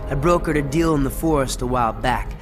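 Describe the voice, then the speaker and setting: A man's voice: medium pitch, quick pace, natural voice. An actor playing Kevin, a brash, streetwise young man who banters sarcastically. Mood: confident. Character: cocky streetwise young man, tech-savvy. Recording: game cutscene with loud music behind.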